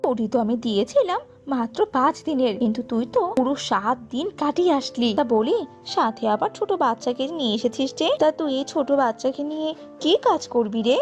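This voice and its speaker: A woman's voice: sits high, expressive, a little fast, darkish tone, soft background music. A woman voicing a haughty, mocking rich mistress of a house in a cartoon. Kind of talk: cartoon voice acting.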